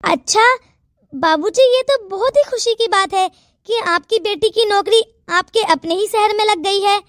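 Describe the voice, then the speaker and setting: A woman's voice: extremely high pitch, moderate pace, dry recording, clean studio sound. A woman voicing a loyal, eager young male servant in a cartoon, speaking respectfully and eager to please.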